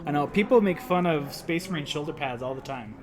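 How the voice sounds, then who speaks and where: A man's voice: fairly high pitch, normal speed, crowd noise. Casual man with a Utah accent. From Utah, United States. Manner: laid-back, drops his T's. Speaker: host, miniature painting instructor. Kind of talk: casual painting tutorial with chat.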